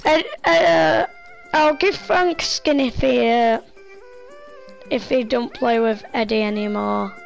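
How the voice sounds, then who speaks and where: A woman chatting live with teammates while gaming, excitable and bossy in her calls. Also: a little high, takes it slowly, creaky, soft background music, poor audio. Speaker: gamer. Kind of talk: live gameplay chat with teammates.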